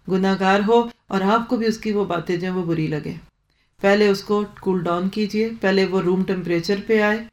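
A woman's voice: mid-range voice, a little mellow. A woman giving a parenting talk, explaining with homely examples and mixing in English phrases. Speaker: parenting speaker.

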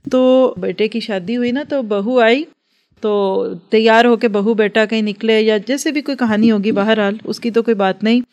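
A woman's voice: on the high side, fairly even intonation, moderate pace, darkish tone, muffled recording. A woman giving an earnest religious lecture to a class, advising and acting out everyday dialogues. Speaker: religious teacher.

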